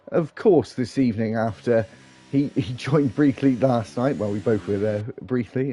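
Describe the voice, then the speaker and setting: A man's voice: medium pitch, dark tone, a little hiss or hum. A man hosting and commentating live on an online racing broadcast. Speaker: host and lead commentator.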